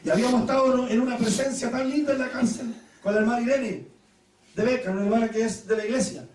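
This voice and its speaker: A Chilean man preaching a Pentecostal sermon, telling stories with laughter and sudden shouted praises. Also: very high-pitched, fairly even intonation, fast, recorded from a distance, slight background noise. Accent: Chilean Spanish. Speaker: pastor. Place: church hall. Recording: echoey church hall, mic from afar.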